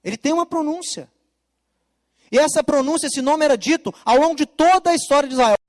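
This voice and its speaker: High-voiced man teaching emphatically. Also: fairly quick. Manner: emphatic, explanatory, repeats key points. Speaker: Bible teacher. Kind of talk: teaching lesson with slides. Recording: long reverb.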